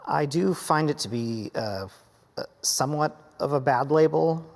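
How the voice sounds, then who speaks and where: A man in his late thirties speaking in a documentary clip, halting often with fillers as he thinks. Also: a little high, gravelly, darkish tone, big-room sound. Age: 30s. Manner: halting, many pauses and fillers.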